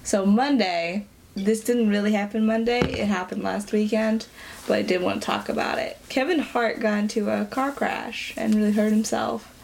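A young woman hosting a casual podcast chat, talkative and quick to laugh. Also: mid-range voice, fairly even intonation, creaky, darkish tone, a little hiss or hum. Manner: chatty, giggly, quick to laugh. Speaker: podcast host.

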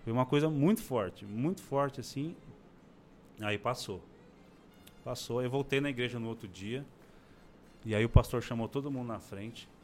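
A man in his forties shares a personal testimony as an interview guest, chatting casually and acting out the voices of the people he quotes. His medium-pitched voice moves at normal speed with long pauses, over a little hiss or hum.

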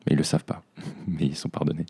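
A man's voice: a bass voice, level tone, quick pace, mellow, slightly rough. A young man hosting a podcast, speaking in a reflective personal monologue and talking to himself as "tu". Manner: introspective, addresses himself as "tu". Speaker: podcast host.

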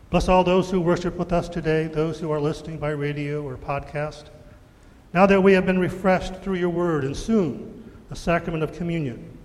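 A man's voice: fairly high pitch, darkish tone. Man praying with a cathedral echo. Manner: measured, solemn liturgical reading. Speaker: worship leader. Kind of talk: reading the prayers of the church. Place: church sanctuary. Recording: long echo of a large church.

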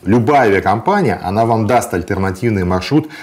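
A man's voice: on the low side, lively intonation, fairly quick, a little mellow. A man being interviewed, explaining practical travel advice in a matter-of-fact way, with frequent hesitation sounds. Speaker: guest sharing travel experience. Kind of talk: conversational interview.

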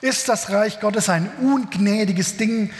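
A man's voice: sits high, takes it slowly. A man preaching a sermon, reading Scripture and explaining it in a casual, joking way with many fillers. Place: church. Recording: echoey church hall.

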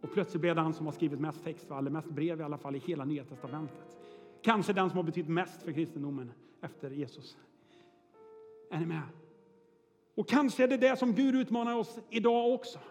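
A man's voice: on the high side, in a large hall, faint music behind. A man preaching a sermon in a church, telling stories in a chatty way with frequent fillers and check-ins with the congregation. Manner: chatty storytelling with frequent "eh" and "är ni med?". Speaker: pastor. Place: church hall.

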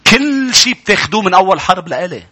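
A male pastor, preaching a fervent sermon that climbs into shouts. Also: sits high, sing-song, quick pace.

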